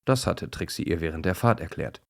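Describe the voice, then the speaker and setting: A man narrating a children's animal story in a gentle, even storytelling manner. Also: low voice, a little fast, gravelly.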